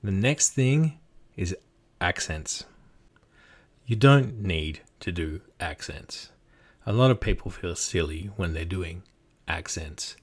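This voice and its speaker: A slightly rough, low-voiced man takes his time, his intonation lively, as he casually teaches character performance from a game master's perspective. He demonstrates throughout, trading explanation for character voices and back.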